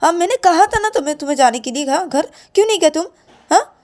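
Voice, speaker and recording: Shrill scolding young woman, rapid questions, voiced by a woman storyteller. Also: expressive, a little mellow.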